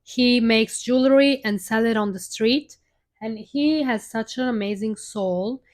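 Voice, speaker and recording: A woman's voice: on the high side, measured pace. A young woman hosting a live stream, telling a personal story in a casual, heartfelt, rambling way with many restarts.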